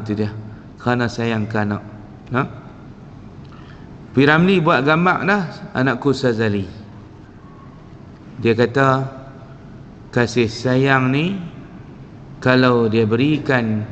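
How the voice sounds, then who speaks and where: A man giving a mosque lecture as a religious teacher, animated storytelling that acts out quoted voices. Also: mid-range voice, slight background noise. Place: mosque hall. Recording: dull lo-fi mosque recording with reverb.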